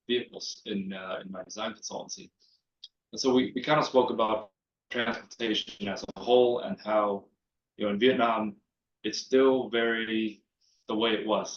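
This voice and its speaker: A low-pitched man speaks in a halting, casual way, full of fillers as a startup co-founder. The sound is roomy with a lot of echo and comes through dull and lo-fi. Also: a bit bright. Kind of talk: casual panel talk. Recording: echoey, dull lo-fi room sound.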